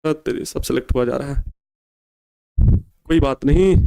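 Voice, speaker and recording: In a medium-pitched, dark voice with vocal fry, the young physics teacher drills board exam material, slowly restating key lines for note-taking. He coaxes his class with offhand remarks, addressing them as babua and babu.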